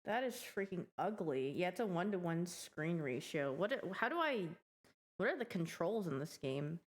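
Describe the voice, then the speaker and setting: A woman's voice: lowish voice, big pitch swings, moderate pace. A young woman giving casual live-stream game commentary, playful and slangy, reacting aloud as she plays.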